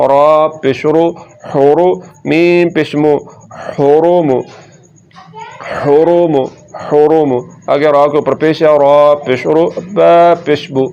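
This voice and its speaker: A man teaching Quran reading, patiently explaining and slowly sounding out syllables one by one. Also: on the high side, darkish tone, smooth. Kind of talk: recitation lesson. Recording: muffled lo-fi sound.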